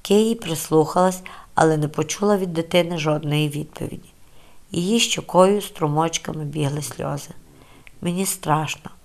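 Calm woman reading an audiobook. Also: low voice. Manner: calm, measured storytelling. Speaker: audiobook narrator. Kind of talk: scripted literary narration.

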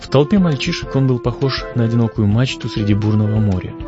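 A man reading an audiobook aloud in a measured, expressive way. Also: medium pitch. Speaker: audiobook reader. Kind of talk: audiobook narration. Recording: dull lo-fi audio with music.

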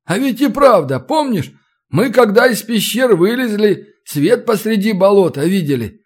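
A man's voice: high voice, animated, normal speed, pitched above the performer's own voice. A man putting on a hot-tempered, blustering man. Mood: gruff. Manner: shouting, blustering. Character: hot-tempered grumbling man, quick to rage.

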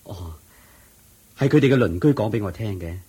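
Ananda, an earnest, devoted disciple. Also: male voice, on the low side, animated, moderate pace, warm tone, slightly rough. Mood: earnest, respectful. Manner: earnest, respectful, explaining at length. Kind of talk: 1980s-style radio drama acting.

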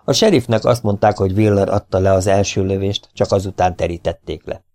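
A man reading a novel aloud as an audiobook narrator, lifting his voice for the characters' lines. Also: mellow. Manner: shifts pitch for characters' quoted lines. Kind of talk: storybook narration with voiced dialogue.

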